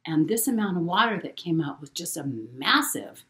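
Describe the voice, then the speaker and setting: Middle-aged woman, low voice, halting storytelling, lots of ums and repeats. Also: very animated, a bit bright. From Hawaii. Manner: halting, repeats words, many fillers. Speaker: channel host telling a personal story. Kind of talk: casual spoken storytelling.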